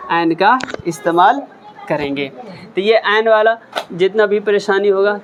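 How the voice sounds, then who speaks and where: A man's voice: high voice, fairly bright tone, a little hiss or hum. A man teaching English at a whiteboard, repeating each word and asking then answering his own questions. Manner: patient, encouraging learners. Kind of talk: whiteboard lesson explanation.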